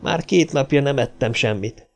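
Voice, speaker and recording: A man's voice: mid-range voice, lightly acted. A man voicing a bold, resolute young male frontiersman who speaks urgently and commandingly in an audiobook.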